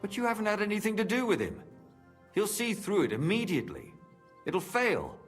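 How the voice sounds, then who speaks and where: A man's voice: sits high, huge pitch swings, a little fast. A worried conspirator in a period game. His voice is blunt and sceptical, rising and falling widely, with faint music beneath. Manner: doubtful, blunt. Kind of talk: video game dialogue acting.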